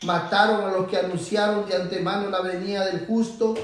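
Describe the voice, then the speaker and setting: Speaking briskly in a high but steady tone, a man preaches to a congregation, his emphasis mounting into loud exhortation at key moments. The church hall recording is echoey, taken from afar, with slight background noise.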